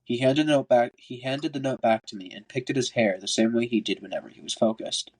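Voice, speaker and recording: Stuffed up and congested, a podcast host works through an amateur audiobook reading, now and then fumbling words and repeating lines. His mid-range voice is husky and a little fast, on a rough recording.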